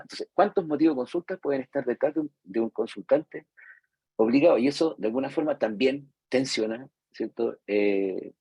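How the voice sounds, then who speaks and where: A man's voice: mid-range voice, gravelly, warm tone, slightly rough, dry recording, rough recording. A Chilean man, a psychologist, giving a live lecture to therapists in a conversational way, acting out patients and parents and often checking in with his audience. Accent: Chilean Spanish. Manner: conversational, acts out patients and parents, frequent "¿cierto?" tags.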